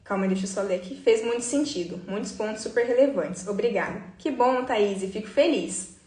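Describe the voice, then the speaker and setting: A woman's voice: medium pitch, fairly quick, a little mellow, reverberant. A woman psychologist giving a live-streamed talk to her followers, explaining things step by step and often checking in with tag questions. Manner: didactic, frequent tag questions to the audience. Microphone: phone for a social media live.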